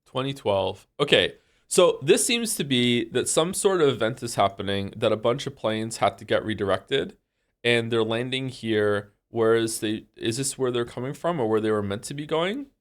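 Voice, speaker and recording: With lively intonation and a normal speed, a man about forty chats on his game live stream in a congested voice. He rambles casually, full of fillers and restarts, keeping things low-key and a bit self-deprecating.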